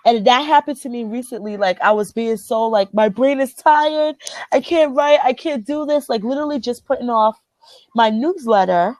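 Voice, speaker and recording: Hosting a motivational group chat, a Liberian-accented woman speaks earnestly at normal speed, stressing and repeating her key phrases. Her voice is somewhat high with a darkish tone, and the sound is close and dry.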